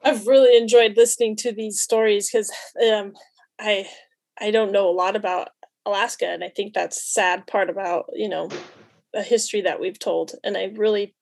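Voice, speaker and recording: A woman hosting a podcast, speaking casually and appreciatively in a halting way. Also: medium pitch, steady tone, gravelly, a little mellow, dry recording. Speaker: podcast host. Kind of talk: casual interview talk.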